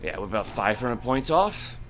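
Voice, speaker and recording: Bright-voiced man musing through gameplay. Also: medium pitch, very animated, normal speed, slight background noise. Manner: musing, thinks aloud while playing. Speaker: gameplay commentator. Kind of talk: casual let's-play commentary.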